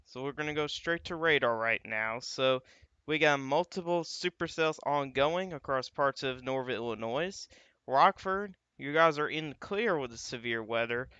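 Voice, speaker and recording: A man's voice: medium pitch, moderate pace, pushed and bright, clear, resonant tone, dry recording, highs cut off. A man hosting a live weather stream, walking through radar images in a casual, thinking-aloud way. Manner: casual, thinking aloud, frequent "uh" and "you got". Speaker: livestream weather host.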